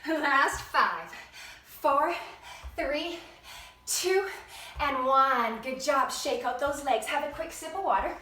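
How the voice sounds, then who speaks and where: A woman's voice: sits high, lively intonation, slow pace, long pauses, pushed and bright, slight background noise. Upbeat female fitness instructor, breathless mid-workout, recorded at a distance in an echoey room. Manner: upbeat, encouraging, panting between cues. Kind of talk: workout instruction, counting reps. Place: room at home.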